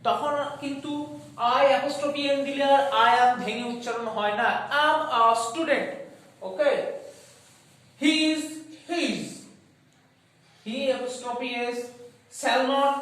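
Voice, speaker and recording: Bengali-accented lady teacher, slow and deliberate on the english words, quick in bengali, keeps asking "okay?", sounds really roomy. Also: sits high, fairly bright tone. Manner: slows down and stretches English example words, fast in Bengali; asks checking questions like "okay?" and "is that clear?". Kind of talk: grammar lesson mixing Bengali and English. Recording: echoey room, voice far from the mic.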